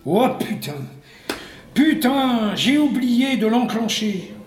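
A man's voice: high voice, lively intonation, moderate pace, darkish tone, roomy sound, a little hiss or hum. A man playing a grumpy loner living on the moon, in a sweary, mock-serious comic monologue. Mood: exasperated.

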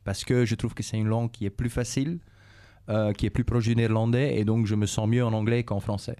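A middle-aged Belgian businessman, a native Dutch speaker, answers schoolchildren's interview questions in French with a Flemish accent. His male voice sits on the low side, mellow and flat in delivery, and he explains things calmly and in a measured way, hesitating often, repeating himself, and sprinkling in plenty of "euh" and "et cetera."

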